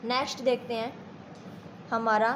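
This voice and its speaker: A woman teacher with an Indian accent leads a classroom lesson at an unhurried crawl. Her voice sits a little high, and she goes over each point more than once, stopping to ask whether the class has followed. Soft background noise runs under the recording. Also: fairly even intonation. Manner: slow and repetitive, checks understanding with questions.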